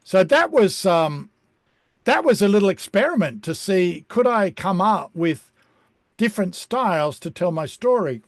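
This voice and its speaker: A man presenting an online beginner lesson over a video call, speaking in a relaxed, chatty way with frequent ums. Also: sits high, unhurried, dry recording, studio quality. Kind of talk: casual explanatory talk on a video call.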